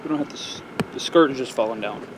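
A fishing vlogger films himself outdoors by some ponds, talking fast in a mid-range voice. He keeps it laid-back and slangy, getting excited over his catches, and the camera audio is noisy.

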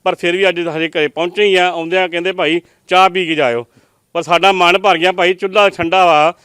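Fast-talking emotional male field reporter. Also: high-pitched, little pitch movement, a bit bright, clean tone, no echo, clean studio sound. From Punjab. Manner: emotional, consoling, sympathetic. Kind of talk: on-the-spot flood report.

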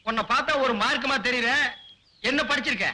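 A man's voice: very high-pitched, fast talker, sharp tone, a little hiss or hum, exaggerated voice, low-quality recording. An actor playing a bossy, sarcastic village man who teases and insults the people around him. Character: bossy, mocking village man, middle-aged. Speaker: comic village loudmouth.

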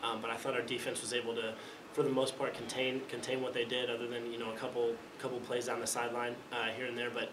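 This young man, a college quarterback, talks quickly and in a monotone at medium pitch while answering reporters after a game, often starting over and repeating himself. A table mic sits in front of him in the press room, which comes across echoey, distant, and noisy.

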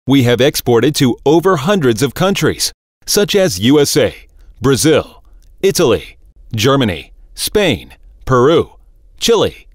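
A man reading a scripted corporate video narration, working through long lists in a steady, measured cadence. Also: medium pitch, no room sound. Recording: dry voice-over.

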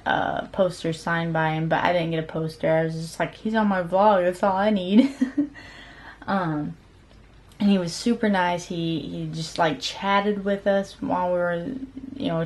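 A woman in her thirties vlogging at home at night, chatting fast and excitedly with frequent laughs. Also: fairly low pitch. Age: 30s. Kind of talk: casual vlog chat.

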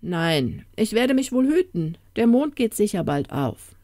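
A woman's voice: medium pitch, big pitch swings, warm tone, no echo, studio quality, voice pushed up. Woman doing a grumbling sleepy sea giant. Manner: slow, grumbling. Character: huge male sea giant, rumbling and sleepy.

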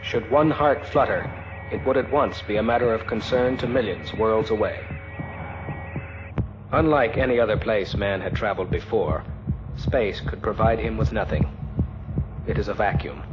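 Low-voiced solemn male documentary narrator. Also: over music. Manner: solemn, poetic, measured phrasing. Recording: dull archival film sound, noisy hum.

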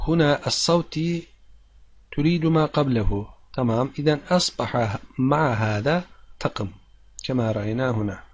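A male teacher who talks slowly and patiently, breaking a lesson into small steps and counting syllables out loud. His voice is a little husky and sits at an ordinary middle pitch. The sound is dry and close, with no room around it. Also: no echo. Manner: patient, halting explanation with frequent pauses and repetitions; counts syllables aloud one by one. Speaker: Turkish language teacher. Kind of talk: step-by-step grammar lesson.

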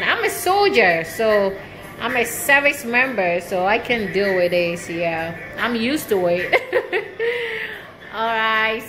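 This casual home tour vlog comes from a woman in the service who walks through her small, almost empty indoor apartment with a handheld phone camera, never appearing on screen. Her medium-pitched voice is slow and easygoing, and laughter keeps breaking in between her lines.

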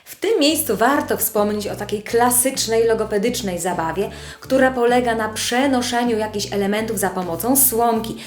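A woman's voice: fairly high pitch, moderate pace, few pauses. Speech therapist woman explaining games, echoey room. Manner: friendly, explanatory, addresses parents directly. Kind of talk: instructional video presentation. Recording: echoey room with soft music.

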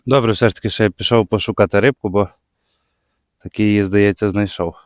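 A man from Ukraine with a Bukovina accent, chatting casually as he fishes on the ice outdoors, breaking into excited exclamations when a fish bites. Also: fairly low pitch, fast talker, no room sound, studio quality. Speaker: fishing vlogger. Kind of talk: casual commentary while ice fishing. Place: outdoors on a frozen lake.

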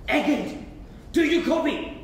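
A man's voice: extremely high pitch, expressive, a little slow, very echoey, far from the mic, slight background noise. An actor playing a jumpy, paranoid male pig hiding in his brick house, talking in sing-song rhymes on stage. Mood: jittery. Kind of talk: stage play performance.

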